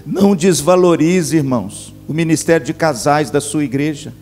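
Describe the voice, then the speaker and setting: A man's voice: on the high side, normal speed, darkish tone, soft background music. A middle-aged male pastor preaching a sermon at a church camp, speaking to his listeners as brothers. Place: church camp meeting hall.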